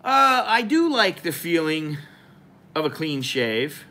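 A man's voice: fairly high pitch, sing-song, slow pace, sharp tone. A man in his forties rambling casually and informally on a live stream, with plenty of fillers, filmed close up by a camera in a small indoor room.

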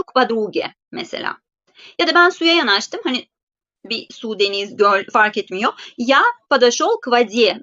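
A woman teaching Russian grammar in a live online lesson. She explains patiently and slows down to say each example. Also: mid-range voice, pushed and bright, muffled recording.

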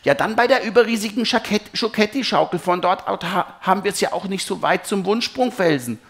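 Storybook figure: a man playing an eager, pleading young child, somewhat raised and lively. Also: high-pitched, a little fast, voice pushed up.

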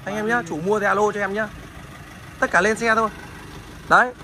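A man talks quickly in a high voice, hawking a motorbike with salesman patter. He is recorded outdoors on a phone camera, with faint background noise. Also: fairly even intonation, bright, forceful tone. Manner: fast salesman patter, repeats short tags. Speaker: motorbike dealer vlogger. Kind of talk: casual selling vlog.

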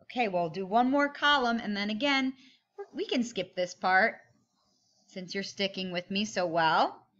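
A woman's voice: mid-range voice, measured pace, fairly bright tone, highs cut off. A woman with a kindergarten teacher's manner, giving simple step-by-step instructions to young children and stressing key words.

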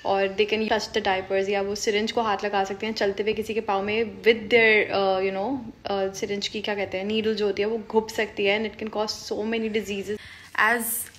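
Young Karachi woman vlogger, fed-up scolding rant, flat delivery, bedroom selfie cam. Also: mid-range voice, measured pace, slight background noise. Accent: Karachi Urdu, mixing in English. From Pakistan. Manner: indignant, scolding, switches between Urdu and English. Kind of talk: ranting to camera. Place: bedroom indoors. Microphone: camera at arm's length.

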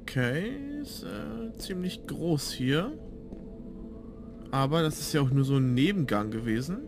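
Man, casual let's play commentary, animated intonation, musing to himself, noisy game sound behind. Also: fairly high pitch, measured pace, creaky. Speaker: let's player.

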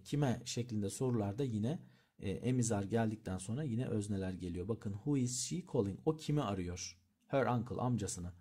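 Male English teacher, reads and translates examples; slightly husky voice with very animated intonation. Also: fairly low pitch. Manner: reads example sentences aloud, then translates each. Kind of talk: bilingual language lesson.

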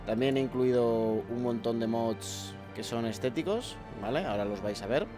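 A young gameplay YouTuber talks casually to viewers over his game, rambling and swearing freely. His medium-pitched voice moves at a moderate pace and sounds sore and strained. Faint music plays in the background.

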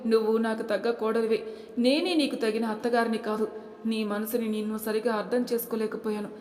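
A woman's voice: a little high, a little mellow, natural voice. A woman reading the lines of a remorseful middle-aged mother-in-law who sobs as she begs forgiveness, in an echoey room. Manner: sobbing, begging forgiveness. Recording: echoey room with long reverb.

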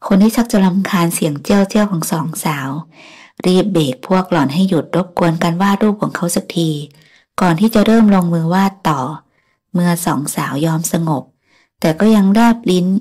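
A woman narrating a romance novel audiobook in a smooth, steady storytelling manner. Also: on the low side.

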